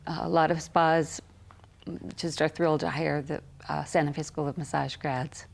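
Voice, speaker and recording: A woman speaks about her school in a promotional interview. Her slightly low voice has a gravelly edge, and she pauses on small fillers. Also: flat delivery. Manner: warm, with hesitant fillers. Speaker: massage school staff.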